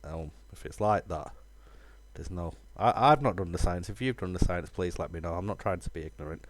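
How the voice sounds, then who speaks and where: A deep-voiced man talks off the cuff during a game stream, stopping and restarting and filling gaps with ums and likes. His voice is low and the sound is dry and close. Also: dry recording. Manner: rambling, halting, heavy on fillers. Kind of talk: casual live-stream chat.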